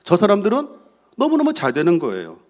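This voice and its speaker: Man, pastor, sermon, lively rising and falling voice, slightly high pitch. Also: brisk. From Korea. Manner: animated, acts out voices of doubters and mockers; asks the congregation questions and answers with "예".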